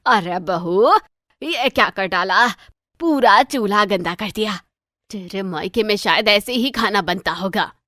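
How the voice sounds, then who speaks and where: A woman voicing a sharp-tongued, middle-aged mother-in-law in a cartoon story, scolding and taunting. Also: mid-range voice, takes it slowly, no room sound, clean studio sound. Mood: angry. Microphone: dry close voice-over.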